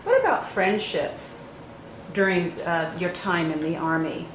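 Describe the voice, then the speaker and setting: Female interviewer, slightly low voice, casual questioning for an oral history, roomy echo. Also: big pitch swings, measured pace. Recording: echoey room, faint background noise.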